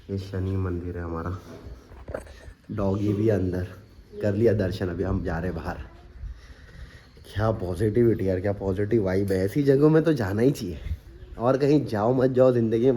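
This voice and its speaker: On a family outing among temples and outdoors, a man hosts a casual vlog, chatting away and calling his viewers "guys." His voice sits on the low side, with a faint hiss or hum in the audio.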